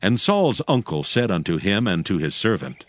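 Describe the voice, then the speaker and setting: Low, expressive male scripture narrator. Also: dry recording, studio quality. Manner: measured, solemn storytelling.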